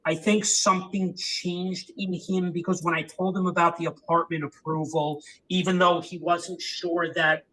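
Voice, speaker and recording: A man's voice: high-pitched, level tone, moderate pace, few pauses, bright, forceful tone, rough recording. A man hosting a podcast, chatting casually and rambling with many "you know" fillers. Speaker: podcast host. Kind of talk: casual interview chat.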